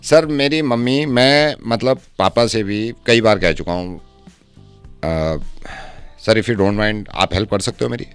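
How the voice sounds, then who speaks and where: A man putting on a low, pleading neighbor. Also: slow pace, clean tone, no echo, faint music behind. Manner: pleading, insistent, repetitive. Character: man posing as a desperate neighbor boy. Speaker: radio prank caller. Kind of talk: prank phone call.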